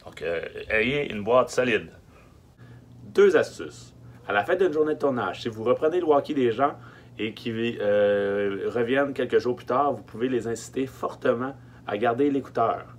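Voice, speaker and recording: In the confines of a small storage truck lined with wood, a masked man in his thirties explains logistics tips for film production. His mid-range voice is expressive and emphatic, carrying a Quebec French accent, with repeated key words and hesitant pauses in his informal delivery. A faint hum and some background noise can be heard.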